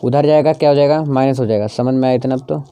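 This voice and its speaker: Mellow-voiced man teaching maths step by step. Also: mid-range voice, steady tone, fast. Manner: asks rhetorical questions and answers them himself; coaxing, repeats steps to drive them home. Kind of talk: chalk-and-talk tutorial explanation.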